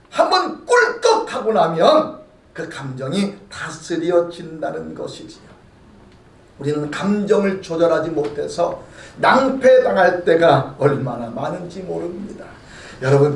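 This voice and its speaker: A male pastor giving a Sunday sermon, acting out scripture voices and sometimes breaking into shouts. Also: high-pitched, far from the mic. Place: church sanctuary. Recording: roomy church sound from off mic.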